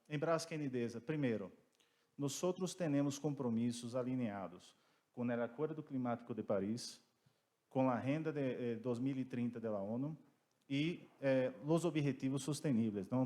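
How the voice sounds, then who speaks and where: A man's voice: mid-range voice, mellow. Brazilian man speaking Portuguese-tinged Spanish. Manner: Spanish mixed with Portuguese, careful and deliberate. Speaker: petrochemical company representative, panelist. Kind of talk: prepared remarks at a conference panel.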